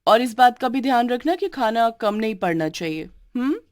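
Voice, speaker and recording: High-voiced spoiled young wife, cruel and demanding, played by a woman. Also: very animated, moderate pace, no room sound, clean studio sound. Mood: bossy. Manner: haughty, demanding. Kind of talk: cartoon voice acting.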